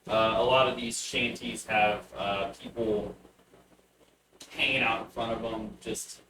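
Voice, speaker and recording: A man improvising narration as the game master of a tabletop game, with casual, halting descriptions. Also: fairly low pitch, steady tone. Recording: roomy, distant mic with faint noise.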